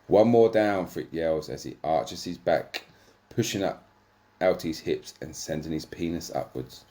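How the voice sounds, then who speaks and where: A man narrating a comic erotic story, deadpan, sometimes stumbling over words and swearing. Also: rumbling low, measured pace.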